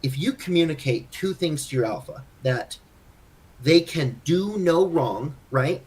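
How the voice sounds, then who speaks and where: In a fairly high, expressive voice with a darkish tone, a man co-hosting a podcast speaks unhurriedly about his own game. His casual chat is self-critical and riddled with restarts.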